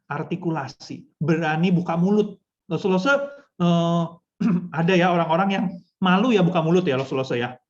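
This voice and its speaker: A woman's voice: on the low side, moderate pace, a little mellow, lo-fi sound. Woman teaching storytelling over a video call. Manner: instructive, addresses listeners often, acts out examples. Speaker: children's ministry trainer.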